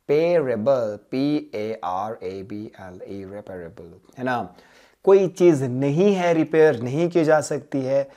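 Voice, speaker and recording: A man's voice: on the high side, darkish tone. Man teaching spelling, chatty repetitive. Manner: switches between Hindi and English mid-sentence; repeats words and spells them letter by letter. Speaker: English teacher. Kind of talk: exam-prep spelling lesson.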